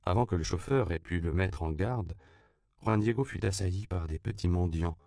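Deep gravelly male audiobook narrator. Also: dry recording. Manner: even, measured reading. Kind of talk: scripted narration.

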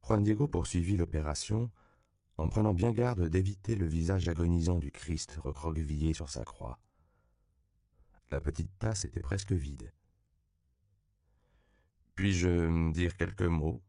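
A man narrating an audiobook in a deep, gravelly voice. His tone is smooth and resonant, and the recording is close and dry. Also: normal speed, mellow, no room sound. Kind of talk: scripted narration.

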